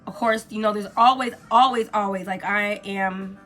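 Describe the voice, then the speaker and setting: A woman vlogger, hoarse from a cold, giving an informal, gushing product review to camera. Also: mid-range voice, steady tone, moderate pace, pushed and bright, faint music behind. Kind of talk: casual chatty review to camera.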